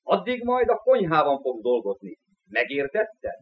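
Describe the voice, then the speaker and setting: A man's voice: fairly high pitch, huge pitch swings, slight background noise. A man playing a strict but fair commander of a moon colony in a radio play, speaking in a commanding way. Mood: stern.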